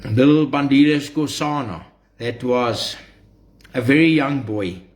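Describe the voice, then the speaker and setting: Slow-talking South African man addressing followers. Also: medium pitch. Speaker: social media streamer. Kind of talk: live monologue addressed to followers.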